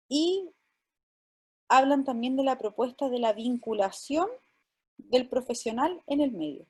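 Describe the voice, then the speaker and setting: A woman from Chile moderates an online panel on a video call. Her voice sits fairly high, and she speaks haltingly, often restarting with fillers. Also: a little mellow, slightly rough. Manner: hesitant, many fillers and restarts.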